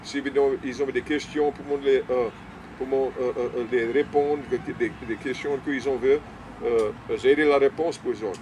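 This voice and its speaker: An older man speaks with a Cajun French accent in a casual interview. His delivery is halting and repetitive, with English words dropped in. A faint layer of vehicle noise sits behind his voice. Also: medium pitch, darkish tone, low-quality recording. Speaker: small-town mayor being interviewed.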